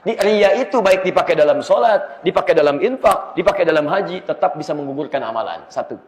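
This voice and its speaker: A man preaching an Islamic study sermon, asking the audience rhetorical questions in a lively way. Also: on the high side, fairly quick. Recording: echoey hall, slightly dull sound.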